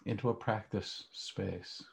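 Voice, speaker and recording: A meditation teacher, a man with a very low voice, guides a calm grounding exercise. He speaks very slowly in short, hushed phrases, with a gravelly fry and long pauses between them.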